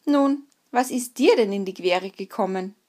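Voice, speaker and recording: A woman's voice: medium pitch, measured pace, darkish tone, natural voice. A woman voicing an old, kind male donkey who leads and encourages the other animals, in a spoken fairy tale. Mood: encouraging.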